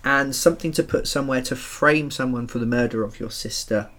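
A man's voice: medium pitch, brisk, a bit bright. A man co-hosting a podcast, chatting casually about a video game in a rambling, joking way with many fillers. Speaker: podcast co-host.

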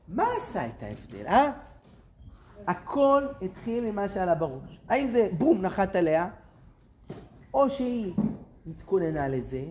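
A man's voice: high-pitched, darkish tone. A man giving a storytelling talk to young people, speaking animatedly and addressing them directly. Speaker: speaker to youth. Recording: roomy with faint noise.

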